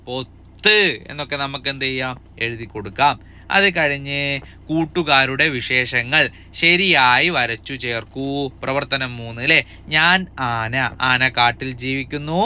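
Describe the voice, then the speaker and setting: A man's voice: medium pitch, bright, forceful tone, clean tone. A man teaching young children in a cheerful, coaxing way, asking them lots of questions as he goes through an exam paper. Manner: cheerful, coaxing, asks kids many questions. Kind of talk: upbeat exam-prep lesson for young children.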